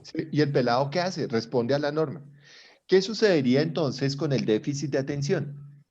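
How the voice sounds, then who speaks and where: A man's voice: fairly high pitch, expressive, normal speed, a little mellow, highs cut off. A middle-aged man with a Colombian accent lecturing a psychology class online in a conversational way, often checking that his students follow.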